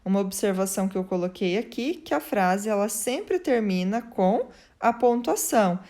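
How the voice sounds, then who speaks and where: A woman's voice: mid-range voice, animated, moderate pace, dark tone. A woman teacher explains grammar step by step, checking in often with her students. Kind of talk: grammar lesson.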